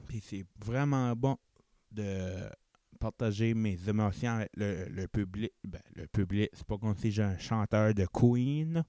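A young Acadian host from New Brunswick, Canada, with a Chiac accent, runs a casual solo podcast, rambling and revising himself while mixing English into his French. He speaks a little slowly in a fairly low, warm, smooth voice, with clean studio sound and no echo.

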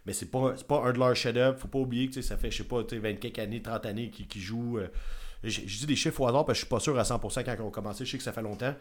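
A man's voice: medium pitch, rapid-fire. A man with a Quebec French accent hosting a casual music review chat, rambling and enthusiastic with casual swearing. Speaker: podcast host.

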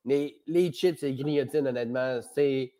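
Warm in tone and mid-range in pitch, a man speaks at normal speed with a Québécois French accent. He is a podcast guest in a casual conversation, playful and rambling, with plenty of swearing.

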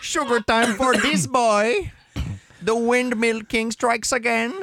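A man's voice: very high voice, fairly even intonation, slow, very noisy, pitched above the performer's own voice, full character voice. A man voicing a boastful Dutch pétanque player in a put-on Dutch accent. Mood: gloating.

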